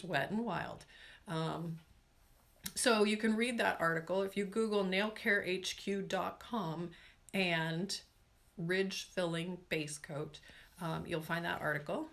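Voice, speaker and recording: A middle-aged woman teaching about nail care in a loose, chatty way. She rambles, stops herself and drifts into asides, with plenty of fillers between her points. Her voice sits in an ordinary middle pitch. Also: fairly bright tone. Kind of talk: casual explanatory talk.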